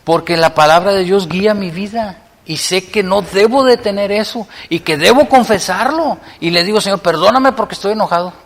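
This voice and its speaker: Male preacher, higher voice, impassioned sermon delivery, reverberant hall. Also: moderate pace, few pauses. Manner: impassioned preaching, swinging between loud appeals and hushed prayer. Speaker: pastor.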